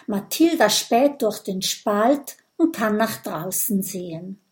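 A woman narrating a children's audiobook with slow, clear, expressive reading. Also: medium pitch. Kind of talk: scripted children's story narration.

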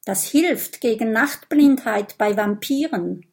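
A woman's voice: a little high, lively intonation, slow, vocal fry, full character voice. A woman voicing an anxious young vampire boy in an audiobook, in a raised, boyish voice. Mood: worried. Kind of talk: audiobook character voice.

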